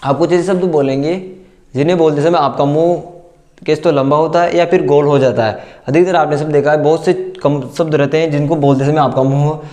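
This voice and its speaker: A man teaching a class, repeating terms slowly and asking and answering his own questions as he writes them down. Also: a little high, fairly even intonation, darkish tone. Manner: dictates as he writes. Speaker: Hindi teacher. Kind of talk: classroom lesson at a board.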